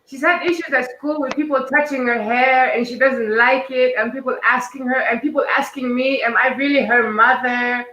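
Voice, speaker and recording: Earnest woman, bright voice, echoey room. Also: sits high, steady tone, slight background noise. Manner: earnest, emotional, talks in quick bursts. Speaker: guest. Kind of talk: casual conversation.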